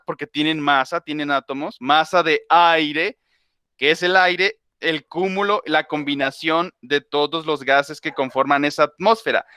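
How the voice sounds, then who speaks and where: A man's voice: fairly high pitch, sharp tone, clear, resonant tone, no room sound, studio quality. A man teaching a class, explaining in a loose, conversational way with homely examples and frequent self-corrections.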